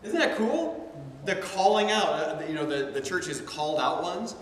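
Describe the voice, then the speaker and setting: A man's voice: a little high, normal speed, a little hiss or hum. A man teaching a theology class in a casual, chatty way, wandering into stories. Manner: chatty, digressive, animated storytelling. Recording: echoey room with long reverb, faint ambience.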